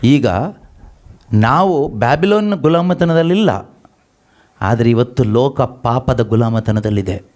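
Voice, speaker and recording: A man's voice: mid-range voice, takes it slowly, pauses often, darkish tone. A man preaching a sermon, asking the congregation rhetorical questions and repeating scripture lines after them. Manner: has the congregation read verses aloud and repeats each line after them.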